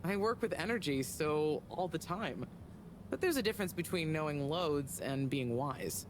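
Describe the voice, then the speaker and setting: An actress voicing Bridget, a friendly, talkative energy consultant who chats in a breezy, upbeat way. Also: female voice, low-pitched, animated, moderate pace. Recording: game audio with ambient noise.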